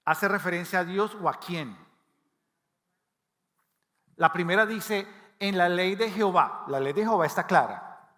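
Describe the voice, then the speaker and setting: A Latin American pastor with a high, bright voice preaches a sermon and keeps asking the congregation questions. His voice carries a long reverb from the church hall.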